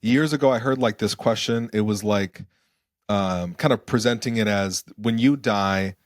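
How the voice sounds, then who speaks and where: A young man with a lowish voice talks as a podcast guest, relaxed and reflective, often restarting his sentences. He was raised between Germany and Arizona. The sound is dry and close, with no room around it. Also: moderate pace, no echo. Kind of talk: casual interview conversation.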